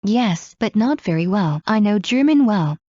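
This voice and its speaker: A woman reading scripted English practice dialogues in a slow, clear drill delivery. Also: mid-range voice, animated, dark tone, no room sound. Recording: muffled lo-fi recording.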